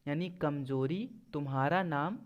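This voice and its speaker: A man gives a classroom lesson, speaking slowly and with care, and spells out each English example as if for dictation. His voice sits a little high for a man. He poses questions to the class and answers them himself. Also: muffled recording. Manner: slow, deliberate dictation of English examples, explaining in Hindi; asks and answers his own quiz questions. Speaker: English teacher. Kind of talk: classroom lesson explaining poetic devices.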